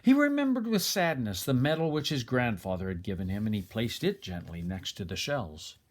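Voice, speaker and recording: This is a storybook reader, a man voicing a children's story with expressive narration. He speaks at a moderate speed in a mid-range voice.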